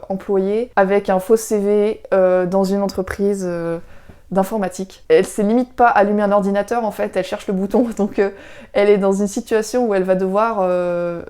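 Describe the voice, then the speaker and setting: A woman's voice: mid-range voice, warm tone. A French woman chatting casually as a book reviewer, amused as she recommends novels to her viewers. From France. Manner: chatty, conversational, amused by the story.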